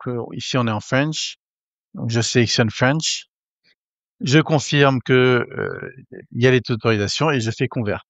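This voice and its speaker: A man hosting a casual tutorial, hesitant with many fillers and restarts, getting excited as he talks. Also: mid-range voice, dry recording, highs cut off. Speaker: tech tutorial host. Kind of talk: casual screen-recorded tutorial.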